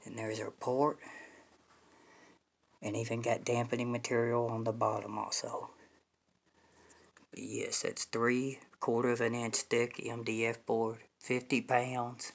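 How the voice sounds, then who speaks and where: With a gravelly, mid-range voice and a monotone delivery, an American man reviews home audio equipment at a measured pace, pausing often. His folksy talk keeps circling back to key points, and the distant microphone picks up plenty of indoor room echo.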